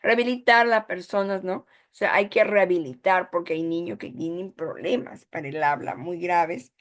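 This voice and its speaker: A woman's voice: on the low side, fairly even intonation, moderate pace. A woman with a Peruvian Spanish accent, teaching a course and often checking in with "¿ya?" and "¿no?". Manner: explanatory, frequent "¿ya?" and "¿no?" checks. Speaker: course instructor. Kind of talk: online lecture.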